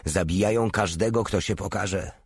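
A man's voice: low-pitched, normal speed, slightly rough, no echo. Man doing a cool mocking army captain. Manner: dry, mocking calm.

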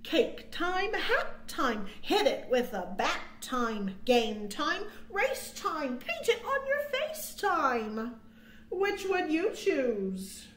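Reading stories and counting rhymes to young children, this thirtysomething American storytime host has a high, fairly bright, sing-song voice with long, drawn-out phrases. The roomy webcam recording comes from a small quiet room indoors, with slight background noise.

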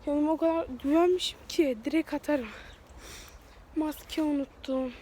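A woman's voice: high-pitched, steady tone, normal speed, warm tone, slight background noise. A young woman with a cold, congested and sore-throated, chatting casually as she walks outdoors and films herself on a phone at arm's length. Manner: rambling, chatty, self-mocking. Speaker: vlogger. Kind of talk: casual walking vlog. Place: outdoors on town streets. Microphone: phone held at arm's length.

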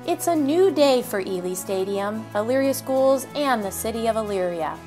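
A woman reading a scripted documentary narration in a measured, proud manner. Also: on the high side. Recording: voice-over with music behind. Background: music.

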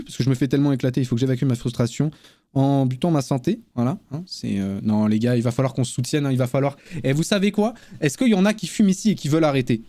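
A man's voice: mid-range voice, warm tone, no echo. A man hosting a live stream, chatting candidly and at length with his viewers. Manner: candid, rambling, self-deprecating. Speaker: game streamer hosting an amateur tournament. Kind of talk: casual live-stream chat.

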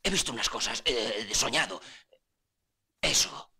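An actor playing a guilty, hungover husband in a film comedy, stammering and flustered like a drunk. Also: male voice, mid-range voice, lively intonation, a little slow, pushed and bright, slightly rough, heavily acted.

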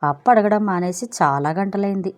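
A woman voicing Chitti, a cheeky, smooth-talking young man with a theatrical, playful way of speaking. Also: medium pitch, a little fast, close to an everyday voice.

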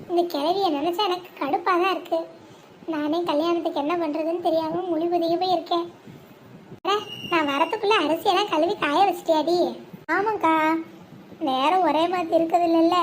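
A shrill, outspoken village woman. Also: a little hiss or hum. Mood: chatty, bossy. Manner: scolding, emphatic, colloquial. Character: outspoken, indignant village woman, an older sister to her friends. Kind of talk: animated village drama.

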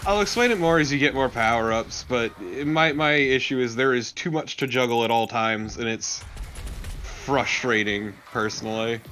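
A man co-commentates on a video game, chatting casually and bluntly with strong opinions and some swearing. His voice sits at medium pitch with a pushed, bright quality, he talks at a normal speed, and there's slight background noise.

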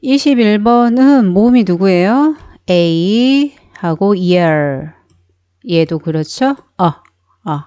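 A woman's voice: mid-range voice, animated, extremely slow, mellow, no echo. A woman teaching a beginner phonics lesson, explaining each sound step by step and repeating every word several times. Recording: dull, dry sound.

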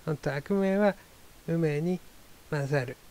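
A man's voice: on the high side, slow, darkish tone, slight background noise. A man hosting his own talk show, musing in a wry, rambling, self-deprecating casual monologue. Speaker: solo talk show host.

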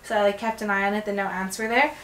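A young woman in her twenties chatting casually to camera in a travel vlog, animated and exclaiming as she talks. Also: mid-range voice, quick pace, poor audio. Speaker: vlogger. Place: small container home and outdoor deck. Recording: music playing over the talk.

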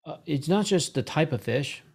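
A man's voice: on the high side, lively intonation, normal speed, vocal fry, darkish tone, slightly rough. A middle-aged man hosting a casual video call conversation from a home room, talking in loose, rambling sentences full of "right?" tags and restarts. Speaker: host. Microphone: desk microphone on boom arm.

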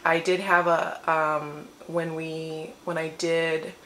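Slow-talking long-winded woman, roomy echo. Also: sits low, level tone, a bit bright, slight background noise. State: morning voice. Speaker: vlogger. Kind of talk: casual personal testimony to camera. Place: her living room at home. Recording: roomy echo with faint ambience.

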